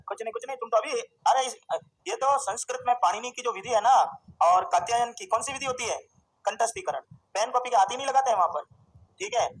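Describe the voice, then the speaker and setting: A man teaching a Sanskrit grammar class, drilling students with questions and slowly repeating forms. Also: very high voice, poor audio. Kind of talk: classroom lecture.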